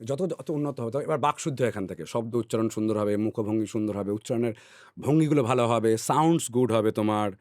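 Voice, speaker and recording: A man on a podcast explaining ideas at length in a teacherly way, often checking in with his listener and trailing off softly on repeated words. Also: fairly low pitch, quick pace, dry recording, studio quality. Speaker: podcast guest.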